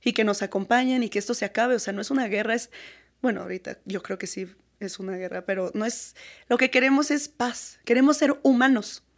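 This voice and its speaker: Young woman, Mexican accent, fairly high, earnest and lively guest in casual talk. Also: brisk. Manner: earnest, animated, often laughs. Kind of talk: casual conversational interview.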